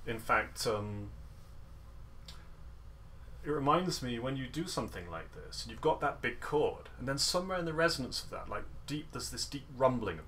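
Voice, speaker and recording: A man's voice: mid-range voice, sing-song, normal speed, pushed and bright, slight background noise. Man coaching guitar, singing rhythms. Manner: sings rhythms with nonsense syllables; playful and encouraging, detail-focused. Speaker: guitar masterclass teacher. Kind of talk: online music lesson coaching. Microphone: video call.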